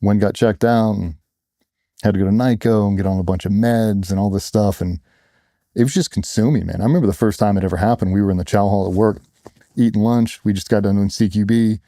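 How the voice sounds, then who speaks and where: In a clean studio recording with no room sound, a middle-aged man who once served as a Navy SEAL tells his own story as an interview guest. His manner is blunt and casual, and he performs other people's quotes. He has a lowish, warm voice with a steady tone and a slightly quick pace.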